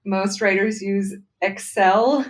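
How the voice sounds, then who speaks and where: A woman's voice: medium pitch, takes it slowly. A young adult woman, a writer guest in a casual interview, explaining her work in a chatty way and laughing often. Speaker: guest, writer for comics and games.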